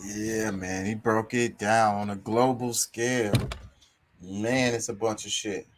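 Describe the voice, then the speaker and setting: A man's voice: fairly low pitch, steady tone, slow, noisy background. Emphatic, blunt-talking male podcast host. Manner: emphatic, swears freely, slangy. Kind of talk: casual talk.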